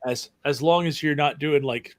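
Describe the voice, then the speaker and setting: A middle-aged man co-hosting a casual stream, talking haltingly with many ums and dry jokes. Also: fairly high pitch, no room sound. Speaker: co-host. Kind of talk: casual chat.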